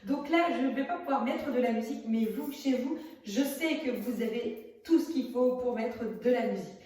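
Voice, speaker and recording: A woman's voice: fairly high pitch, normal speed, warm tone. Woman, drama teacher, casual chatty delivery with hesitations; distant phone mic, very echoey room. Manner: chatty, many hesitations, demonstrates while talking. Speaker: theatre workshop teacher. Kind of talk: casual video lesson. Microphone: phone camera at a distance.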